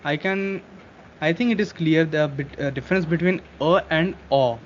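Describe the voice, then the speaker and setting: A somewhat high-voiced man with a Bengali Indian accent gives an informal language lesson. He explains haltingly and repeats words slowly. The recording is dull and lo-fi, with faint noise behind him. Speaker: language teacher.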